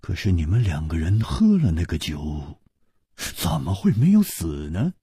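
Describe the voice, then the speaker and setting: A calm, brooding male hero from a spoken martial-arts story, read by a male storyteller. His voice is low, soft and measured, with a husky edge and dry closeness. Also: dry recording, full character voice. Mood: pensive.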